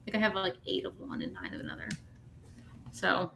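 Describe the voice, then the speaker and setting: A woman's voice: on the low side, wildly swooping pitch, a little fast, gravelly, sharp tone. A woman chatting casually as a panelist on a podcast. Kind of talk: casual chat. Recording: faint background noise on mic.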